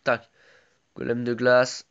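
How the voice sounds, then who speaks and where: A man's voice: medium pitch, completely flat delivery, slow, clear, resonant tone, muffled recording. A man with a sore throat giving casual live commentary on his own game, chatty and full of gamer slang.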